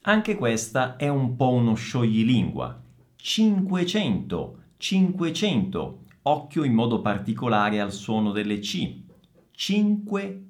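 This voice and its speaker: A man teaching Italian pronunciation, saying each word twice with slow, deliberate care. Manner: lively, expressive pitch. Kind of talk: pronunciation lesson.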